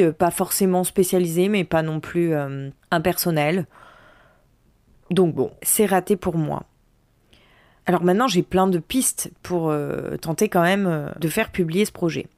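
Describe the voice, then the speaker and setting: A woman's voice: lowish voice, moderate pace, a little mellow. A woman from France in her thirties, a would-be novelist thinking aloud in a spontaneous audio diary, with many hesitations. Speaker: aspiring novelist, podcast host.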